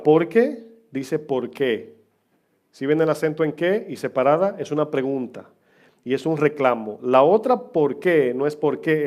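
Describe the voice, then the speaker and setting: A man's voice: fairly high pitch, darkish tone. A middle-aged man preaching as pastor, chatting with his congregation with humor and questions. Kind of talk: sermon. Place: church.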